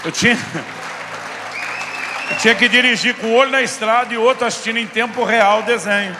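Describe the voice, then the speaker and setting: A man's voice: extremely high pitch, steady tone, fairly quick, crowd noise, background noise. A middle-aged pastor preaching, telling a family story and acting out the voices of his son and himself. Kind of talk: sermon with acted-out family story. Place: church hall. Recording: long hall reverb with music behind.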